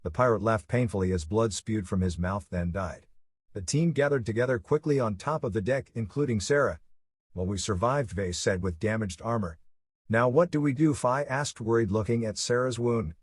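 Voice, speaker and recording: Man reading an audio novel, husky low voice, dry close mic. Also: moderate pace, no echo. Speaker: narrator.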